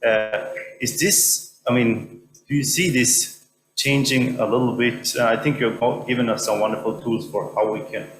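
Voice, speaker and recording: Halting man from Sweden asking a question. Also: mid-range voice, steady tone, soft background music. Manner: halting, many "I mean" restarts. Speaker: audience member asking a question. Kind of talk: academic Q&A question. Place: lecture hall. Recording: echoey hall with faint hum.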